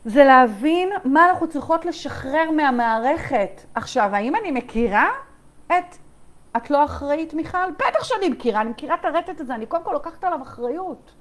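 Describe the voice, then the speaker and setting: A woman with a high-sitting, expressive voice leads a live online coaching session, speaking straight to her listeners. She reads their chat replies aloud and repeatedly checks in with emphatic "okay?"s, her manner repetitive and forceful.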